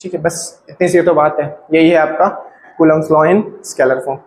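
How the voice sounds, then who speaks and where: A man's voice: fairly high pitch, fairly even intonation, normal speed, echoey room, a little hiss or hum, poor audio. A man teaching a physics lecture, explaining step by step and often checking whether his students are following. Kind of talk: classroom lecture.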